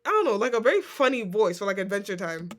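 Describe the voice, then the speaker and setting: Animated woman reacting to a clip. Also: medium pitch, fast. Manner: animated, exclaiming, incredulous. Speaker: reaction video host. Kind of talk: casual reaction commentary.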